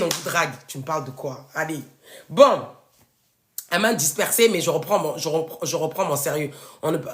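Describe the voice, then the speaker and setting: Woman coach going live, big loud voice, lecturing her followers, scolds and pushes them. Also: fairly low pitch, slight background noise. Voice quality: big, commanding voice. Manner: loud, emphatic, scolding and exhorting viewers. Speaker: life coach. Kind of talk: live stream talk to followers.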